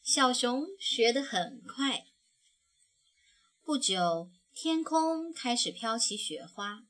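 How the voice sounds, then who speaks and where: A woman narrating a children's storybook in a soft, tender, slow manner. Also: fairly high pitch, expressive.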